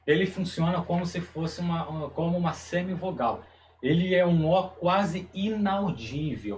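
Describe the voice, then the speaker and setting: A man giving a Hebrew lesson on video, slowly and carefully, repeating each term as he explains it. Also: on the high side, darkish tone, far from the mic, a little hiss or hum, low-quality recording. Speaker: Hebrew teacher.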